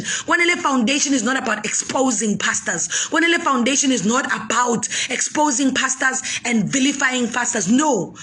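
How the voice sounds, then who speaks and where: A woman's voice: high voice, fairly bright tone. A woman speaking for her foundation in a direct-to-camera statement, emphatic and insistent, repeating her key points. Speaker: foundation spokesperson.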